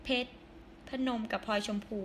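A hoarse young woman chatting casually on a live stream, giggling and reading viewer comments aloud. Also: moderate pace, slight background noise.

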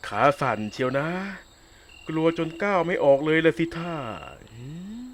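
A man voices a sadistic, possessive werewolf taunting a captive listener in a roleplay audio drama, speaking softly and teasingly with a menacing edge. His voice is a little high, expressive and unhurried, with slight background noise.

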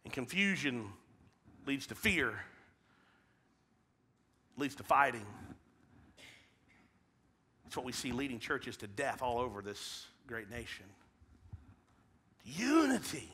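A man in his thirties with a Midwestern American accent, preaching a sermon from a church stage, swinging between loud emphatic calls and hushed, near-whispered lines. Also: mid-range voice, very animated, slow pace, long pauses, a little hiss or hum. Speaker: pastor. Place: large church stage with blue-lit backdrop.

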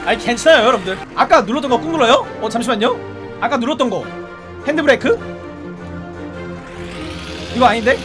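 A man streaming a driving game live, talking to his viewers and breaking into excited, repeated shouts. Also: very high-pitched, a little fast, pauses often, over music.

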